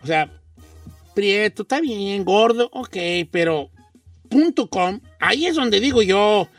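Jokey old Mexican rancher host; very high, lively, slangy, distant mic with music. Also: male voice, takes it slowly, dry recording, full character voice. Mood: teasing. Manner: teasing, slangy banter. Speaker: radio host. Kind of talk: casual radio talk show banter.

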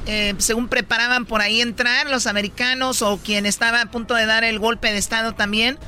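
A man's voice: very high voice, level tone, fairly quick, bright, forceful tone, slight background noise. A man with a Mexican accent hosting casual news commentary. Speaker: talk show host.

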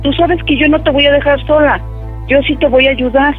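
A woman's voice: high-pitched, steady tone, brisk, narrow, tinny audio, faint music behind. A middle-aged woman with a Mexican Spanish accent, a mother on a prank call who defends her daughter and swears furiously. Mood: protective. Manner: protective, then furious and swearing.

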